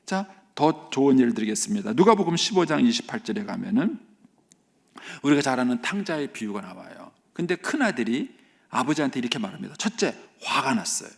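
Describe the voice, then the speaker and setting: A man in his fifties preaches a dawn sermon as senior pastor, his voice gravelly and mid-pitched. He preaches emphatically, pushing up high and loud when he voices someone he quotes. He speaks from a church sanctuary. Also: very animated, fairly quick. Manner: emphatic preaching, voice rising high when quoting the elder son.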